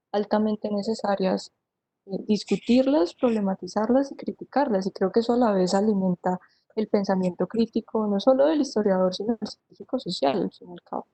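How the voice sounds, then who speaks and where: A woman's voice: mid-range voice, mellow, no room sound, rough recording. A young woman, a history student giving a careful, somewhat hesitant panel answer over a video call. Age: young adult.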